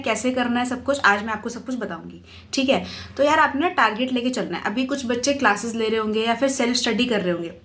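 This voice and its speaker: A woman's voice: sits high, fairly bright tone. A young woman giving casual study advice to exam students, chatty and reassuring, often checking that listeners follow along and slipping English words into her speech. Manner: mixes English words into Hindi. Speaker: exam mentor for company secretary students.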